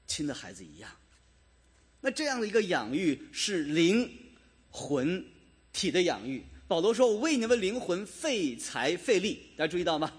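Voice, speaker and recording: A man's voice: on the high side, husky. A man preaching a sermon in a church, talking to his congregation, asking them questions and chuckling now and then. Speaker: pastor.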